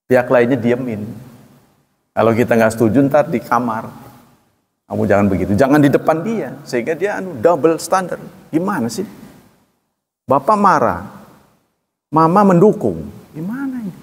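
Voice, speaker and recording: A middle-aged man preaching a conversational religious lecture, animated and full of rhetorical questions, often acting out little dialogues. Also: mid-range voice, slightly rough, in a large hall. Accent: Indonesian. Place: mosque or lecture hall.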